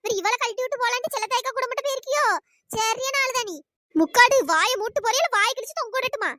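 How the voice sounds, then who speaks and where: A woman's voice: very high-pitched, fast, bright, forceful tone, no room sound. A woman voicing a sly, meddling village woman who stirs up quarrels in a cartoon. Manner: scolding, sly and gossipy. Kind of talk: cartoon voice acting.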